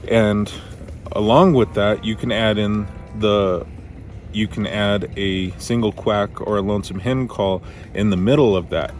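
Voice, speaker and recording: A man giving a casual, instructional how-to as a hunting teacher, talking in a halting way as he thinks aloud. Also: lowish voice, steady tone, background noise. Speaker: duck calling instructor.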